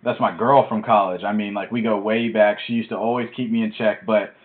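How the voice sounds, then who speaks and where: A man hosting a casual podcast, chatty and excitable, getting fired up as he talks. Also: fairly low pitch, fairly quick. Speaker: podcast host. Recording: tinny phone-like audio.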